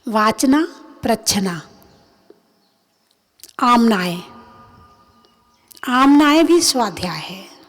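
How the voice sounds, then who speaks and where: A woman, a Jain nun, giving a sermon, speaking emphatically and asking and answering her own questions. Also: high voice. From India. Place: recorded during a religious discourse.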